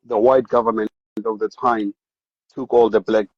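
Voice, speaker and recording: Lowish and husky, a South African man speaks at normal speed on a dry, dull-sounding recording. He's a podcast guest chatting casually about growing up, an animated storyteller who keeps repeating words and restarting sentences.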